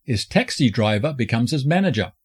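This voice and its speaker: A man hosting a film review podcast, reading scripted narration in a campy, flamboyant drag-queen manner with a husky voice. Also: medium pitch, very animated, fairly quick.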